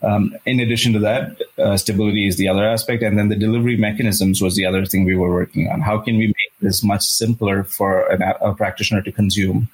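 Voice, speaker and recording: Husky low-voiced executive man. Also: steady tone, fast, hardly any pauses, poor audio. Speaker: company executive, interview guest. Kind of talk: interview answers.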